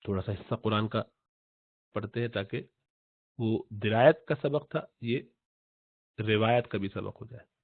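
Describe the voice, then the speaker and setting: A man teaching tajweed in Urdu, explaining slowly, repeating letter sounds and chanting recited verses in long drawn-out tones. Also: on the low side, dry recording. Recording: tinny phone-like audio, dry.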